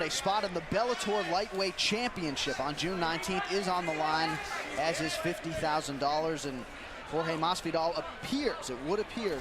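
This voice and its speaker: A male play-by-play commentator calls a fight in a high voice. His broadcast delivery is polished and emphatic, as heard from ringside.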